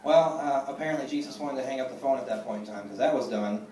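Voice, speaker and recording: A man in his thirties doing a stand-up comedy set on a club stage, deadpan and self-deprecating, with lots of ums and restarts. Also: medium pitch, a crowd in the background. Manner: deadpan, self-deprecating, halting with many fillers. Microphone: phone recording from the audience. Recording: echoey room, mic far from stage.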